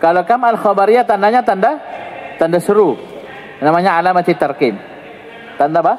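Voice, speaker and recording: A male teacher with an Indonesian accent talks through an Arabic grammar lesson in a fairly high voice. He jokes with the students and moves his pitch up and down to demonstrate intonation. His voice rings with a long reverb, as if he is in a hall. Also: brisk. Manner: lively, joking, swings pitch up and down to show intonation. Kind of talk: classroom lesson explaining grammar.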